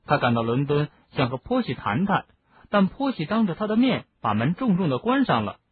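A chatty, indignant teenage boy wizard tells it all at length, as a man reads him aloud in an audiobook. The voice is husky and swings up and down, and it sounds narrow and lo-fi, like a phone line. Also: fairly high pitch, sing-song, a little fast, no echo, exaggerated voice. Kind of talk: audiobook reading.

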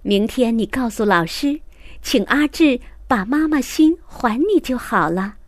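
A woman voicing a gentle mother in a storybook, speaking in a soft, soothing way. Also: on the high side, animated, measured pace, no room sound. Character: gentle, comforting young mother.

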